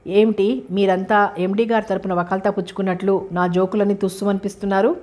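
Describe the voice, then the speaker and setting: A woman voicing a witty, sharp-tongued young female typist who jokes at the office, read in an audiobook. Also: medium pitch, flat delivery, fairly quick, close to an everyday voice. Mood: wry. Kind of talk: audiobook character reading.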